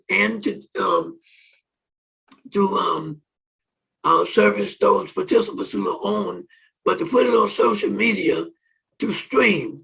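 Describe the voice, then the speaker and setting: A hoarse man hosting a conference on online radio, talking haltingly with many pauses and restarts. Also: sits high, a bit bright, recorded from a distance, rough recording. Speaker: conference host. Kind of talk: opening remarks on online radio. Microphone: phone or conference call.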